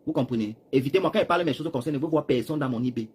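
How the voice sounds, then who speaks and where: A Cameroonian man rambling through a live stream, talking straight to his viewers and swinging between loud bursts and hushed asides while seated. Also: on the high side, racing, breathy edge. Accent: Cameroonian French. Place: seated, chair.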